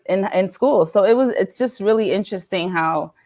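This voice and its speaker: A woman's voice: medium pitch, moderate pace, a little mellow. A woman from the Dominican Republic, a guest on a talk show, speaking candidly and laughing often, with many fillers. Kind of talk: casual interview talk.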